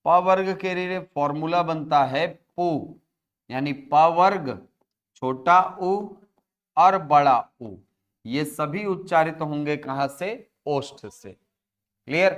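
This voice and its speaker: A man teaching an exam-prep class, explaining step by step and asking and answering his own questions, with a Chhattisgarh Hindi accent. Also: on the high side. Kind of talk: classroom lecture.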